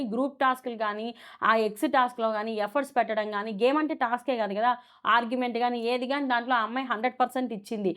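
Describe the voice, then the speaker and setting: A woman giving a chatty, animated recap of a reality show episode in casual commentary. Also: a little high. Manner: chatty, animated retelling with many fillers and restarts.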